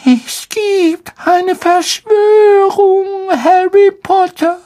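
Woman putting on a squeaky little elf guy, super high and hoarse, talks slow, always near tears. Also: steady tone, mellow, heavily acted. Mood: tearful. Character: tearful, timid male house-elf, tiny and devoted.

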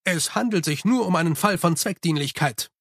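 A man voicing a cold commanding male official in an audiobook, curt and flat with a dry close sound. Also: high-pitched, moderate pace, no room sound, exaggerated voice.

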